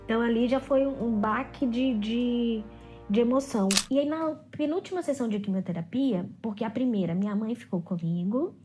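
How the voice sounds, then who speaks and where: A woman's voice: on the high side, fairly quick, faint music behind. A woman in her thirties with a Brazilian Portuguese accent, a guest telling a personal story in conversation, acting out the dialogue she recounts and often restarting her sentences. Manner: animated, acts out quoted dialogue, frequent restarts.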